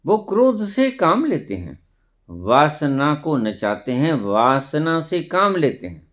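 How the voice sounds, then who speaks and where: A man's voice: fairly high pitch, very animated, slow, muffled recording. A man giving a spiritual discourse, preaching emphatically with rhetorical questions and dropping in English phrases. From India. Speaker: spiritual teacher.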